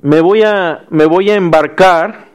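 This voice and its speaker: A man speaking as a restless, ambitious young male scholar, earnest and reassuring, in a slow and smooth voice. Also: sits high. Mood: eager.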